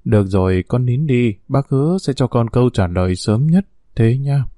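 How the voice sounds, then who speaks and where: A man reading a storybook as a calm, level-headed older mother who speaks in a measured way. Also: medium pitch, dry recording, studio quality, close to an everyday voice. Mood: soothing.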